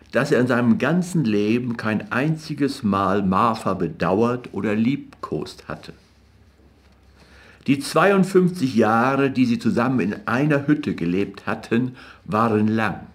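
A man reading literary fiction aloud as an audiobook narrator in a measured, even way. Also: medium pitch.

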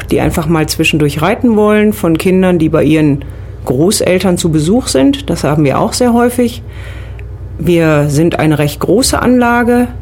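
With a fairly low, darkish voice, a middle-aged Rhineland woman with a Rhineland German accent guests on a radio show as a riding instructor. She answers questions methodically, step by step, with fillers, and there is slight background noise.

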